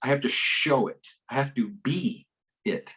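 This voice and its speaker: A man giving a workshop talk to a live audience, animated and expressive as he tells his story. His voice sits in a middle pitch, and he breaks into laughter and acted-out voices along the way. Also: a little slow. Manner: animated, acts out quoted voices with big pitch jumps; laughs as he talks. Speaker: workshop presenter. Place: conference workshop session.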